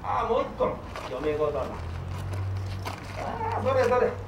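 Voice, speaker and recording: Elated, bumbling kyogen bridegroom, echoey stage. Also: male voice, very high voice, huge pitch swings, full character voice. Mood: delighted. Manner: declamatory, drawn-out archaic phrasing with exclamations. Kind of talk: traditional Japanese kyogen stage comedy acting. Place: open wooden stage, recorded from the audience. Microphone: far camera. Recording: echoey stage, distant mic, faint noise.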